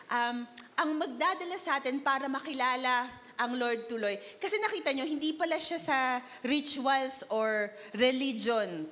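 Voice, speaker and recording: A young woman from the Philippines preaches to young people in a relaxed, conversational way. She asks one rhetorical question after another and slips between Filipino and English. Her voice sits high, and a long hall reverb trails behind it. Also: unhurried. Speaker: youth worship speaker. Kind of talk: conversational sermon.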